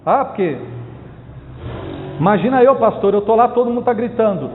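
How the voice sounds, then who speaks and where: Emphatic pastor, high voice, echoey hall. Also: male voice, animated, moderate pace, a little hiss or hum. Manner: emphatic, repeats key phrases, asks rhetorical questions. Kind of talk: expository sermon. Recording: tinny phone-like sound with long hall reverb.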